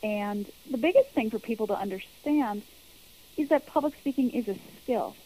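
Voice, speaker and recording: A woman's voice: a little high, animated, normal speed, mellow, low-quality recording. A woman who works as a public speaking coach, answering interview questions in an earnest, explanatory way and repeating her key points.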